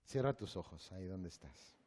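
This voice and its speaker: A man with a Mexican Spanish accent preaching a sermon, asking his listeners questions and leading them in a quiet prayer. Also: low-pitched, expressive, normal speed. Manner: asks the congregation questions, acts out quotes, ends in a quiet guided prayer. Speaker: pastor.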